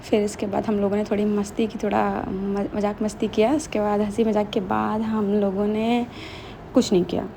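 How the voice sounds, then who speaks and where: A woman's voice: medium pitch, little pitch movement, normal speed, creaky, warm tone, slight background noise. A young woman chatting casually in a vlog voice-over, slipping English phrases into her talk. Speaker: vlogger.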